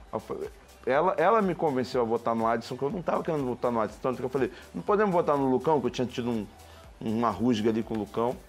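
A man in his forties telling stories in an interview, emphatic and animated, often restarting and acting out the dialogue he quotes. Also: medium pitch. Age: 40s. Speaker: former reality show contestant.

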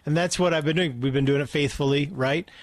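A man's voice: on the high side, brisk, no echo. A man co-hosts a casual radio talk segment in a slightly raised voice. He explains things earnestly and repeats his points for emphasis. The recording is dry and close-miked. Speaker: radio co-host.

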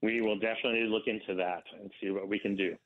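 A man's voice: on the low side, fairly even intonation, fast talker. Phone-line man, radio interview guest. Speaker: bakery company representative, interview guest. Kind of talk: conversational radio interview answers. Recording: narrow, tinny phone line.

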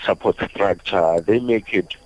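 A young man with a South African accent speaks in a very low voice. He answers in a halting, reflective way as an interview guest. The radio audio is slightly dull. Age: young adult. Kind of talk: personal account in a radio interview.

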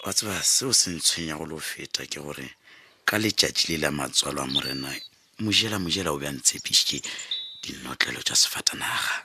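Weary, grieving father for radio drama: deep, halting, South African Sotho accent, noisy backdrop. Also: expressive, bright, forceful tone, heavily acted. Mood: distraught, grieving. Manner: sighing, halting, exclamatory.

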